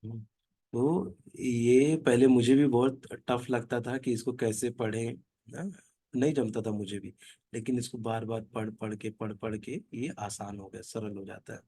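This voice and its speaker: A man's voice: medium pitch, steady tone, warm tone, breathy edge, no room sound. Dry-sounding man explaining verses in a reading group. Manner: chants verses slowly, then explains in casual talk. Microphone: online video call.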